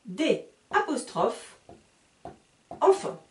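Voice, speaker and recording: Woman, teacher, very slow, roomy recording a bit off-mic. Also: sits high, very animated, darkish tone, recorded from a distance. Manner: spells words letter by letter and repeats examples. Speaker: French teacher. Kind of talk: slow, careful lesson for beginners.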